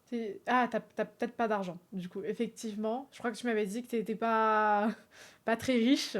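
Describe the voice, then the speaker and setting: A young woman streaming live, chatting casually with her viewers, animated and laughing often. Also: a little high, moderate pace. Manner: animated, laughs often, talks straight to chat.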